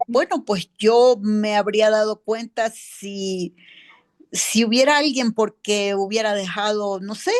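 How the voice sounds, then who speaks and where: A woman's voice: mid-range voice, close to an everyday voice. A woman playing a witness in a mock trial, a neighbor and accountant who answers in a rambling way full of fillers and tag questions. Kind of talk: courtroom role-play, answering questions.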